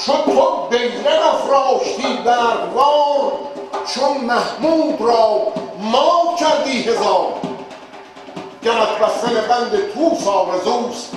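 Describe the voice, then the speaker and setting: A man giving a grand, theatrical recitation of epic poetry as a traditional storyteller, declamatory and dramatic. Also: very high voice. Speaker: Shahnameh storyteller (naqqal). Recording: very echoey, distant mic, music behind.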